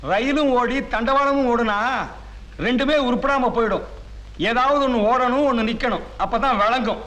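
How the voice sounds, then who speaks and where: An actor playing a gruff village father in a Tamil film, scolding and quoting folk sayings, with a Tamil accent. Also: extremely high pitch, normal speed, sharp tone. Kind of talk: Tamil film drama acting.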